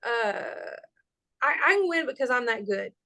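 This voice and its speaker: A woman in her forties, a guest chef chatting in a casual interview, talking in an animated, joking way. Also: fairly high pitch. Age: 40s. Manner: animated, chatty, quick to joke.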